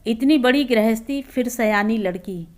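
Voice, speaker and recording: A woman voicing a sharp-tongued, complaining middle-aged housewife in a storybook reading. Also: on the high side, normal speed, lightly acted. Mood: dismissive. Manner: sarcastic, complaining.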